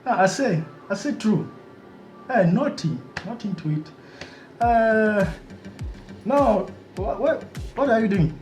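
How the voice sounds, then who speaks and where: A man voicing a hungry, easygoing young man, halting and repetitive. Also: high-pitched, expressive, darkish tone, roomy sound, faint music behind. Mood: plaintive.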